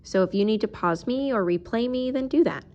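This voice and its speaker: A woman's voice: a little high, lively intonation, a little fast, a little mellow, highs cut off. A woman teacher recording a math video lesson, talking patiently and explaining each step while she writes.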